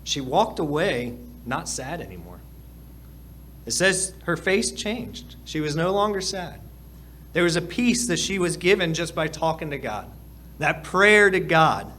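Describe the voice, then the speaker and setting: A man's voice: on the high side, animated, measured pace, fairly bright tone, a little hiss or hum. A man preaching a sermon from the pulpit, earnest and repeating key phrases for emphasis. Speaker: pastor. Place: church hall.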